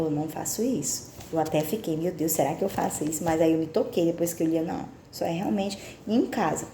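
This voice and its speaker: Woman, low warm voice; devotional book reading with reflective, confessional asides, in a roomy space. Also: a little hiss or hum. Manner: reflective, confessional, asks the listener direct questions. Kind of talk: reading a book aloud with personal commentary.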